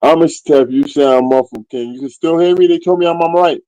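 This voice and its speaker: A man's voice: fairly high pitch, fairly quick, mellow, no room sound. Muffled man, as if through a wall. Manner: laid-back, slangy street talk. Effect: muffled, as if heard through a wall. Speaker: livestream host. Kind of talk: casual livestream chat with viewers.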